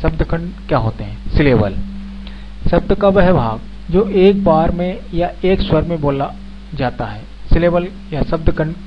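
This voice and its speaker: A man's voice: a little high, lively intonation, a little slow, music in the background. A man teaching a beginner English grammar lesson, explaining each point step by step and repeating example words. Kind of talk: slow spoken grammar lesson. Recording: dull lo-fi recording with faint background noise.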